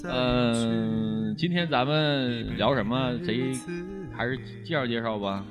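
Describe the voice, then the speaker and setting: A man's voice: mid-range voice, slow pace, muffled recording. A man hosts a radio show in casual, bantering chat. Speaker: radio host. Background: instrumental music with guitar.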